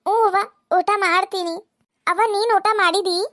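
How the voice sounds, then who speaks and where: A woman's voice: very high voice, level tone, moderate pace, fairly bright tone, no room sound, studio quality. A woman voicing an earnest, pleading little girl of six or seven in a cartoon, with a North Karnataka accent. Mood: childish. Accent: North Karnataka Kannada. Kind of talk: cartoon voice acting.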